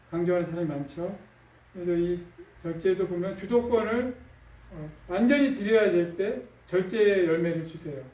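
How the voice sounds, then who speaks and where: Male pastor, high voice, relaxed chatty preaching, recorded from a distance in a reverberant sanctuary. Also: highs cut off. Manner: conversational preaching with frequent fillers and tag questions. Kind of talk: sermon. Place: church sanctuary. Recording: echoey room, distant mic.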